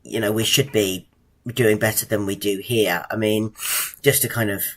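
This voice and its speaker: A man co-hosting a casual football podcast, measured and hesitant, with plenty of fillers. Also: on the low side, fairly even intonation. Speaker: podcast co-host.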